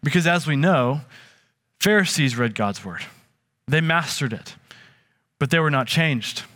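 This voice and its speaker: A man's voice: a little high, expressive, a little slow, a bit bright. A man preaching a sermon, earnest and conversational, often restarting his phrases. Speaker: pastor. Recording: long hall reverb.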